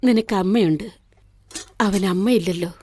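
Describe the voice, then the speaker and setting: A woman dubbing an older, gentle grandmother in a film, speaking in a soft, coaxing way. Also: medium pitch, normal speed, slightly rough, natural voice. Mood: doting.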